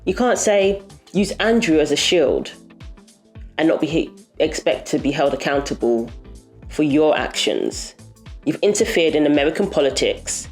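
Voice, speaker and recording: Indignant low-voiced woman. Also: darkish tone. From Britain. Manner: indignant, emphatic. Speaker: commentary video host. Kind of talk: opinionated commentary.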